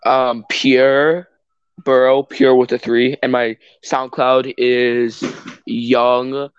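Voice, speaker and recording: A man's voice: mid-range voice, little pitch movement, extremely slow, clean tone, no echo, muffled recording. A teenage boy co-hosting a podcast, reacting in laid-back slang in casual chat. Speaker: podcast co-host.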